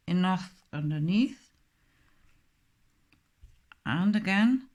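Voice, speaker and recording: A middle-aged native Danish woman with a Danish accent and a mid-range voice works slowly and hesitantly through a step-by-step craft tutorial, leaning on lots of fillers.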